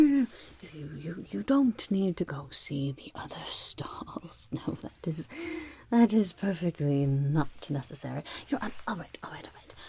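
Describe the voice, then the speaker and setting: A shifty little goblin vendor, acted out by a woman in an ASMR roleplay. The voice is a very breathy, raspy whisper with a gravelly crackle. The patter is slow, boastful and easily flustered, full of stammered sales talk. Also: fairly low pitch, mellow, full character voice. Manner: speaks of self in third person, stammering sales patter.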